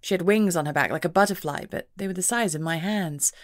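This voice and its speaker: A woman narrates first-person fantasy fiction for an audiobook in a fairly low voice and at a quick pace. The recording is very dry, with no room around her.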